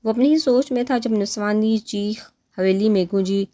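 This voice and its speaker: A woman's voice: medium pitch, dark tone, dry recording. Woman narrating an audio novel, dry and close.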